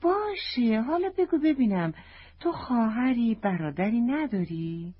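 Little girl, curious and eager, a woman voicing her, husky softness, muffled lo-fi recording. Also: fairly high pitch, animated.

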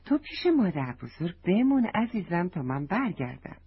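Loving mom reassuring her child, voiced by a woman, breathy and warm-toned, lo-fi. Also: fairly low pitch, sing-song, full character voice. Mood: tender. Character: loving, reassuring young mother.

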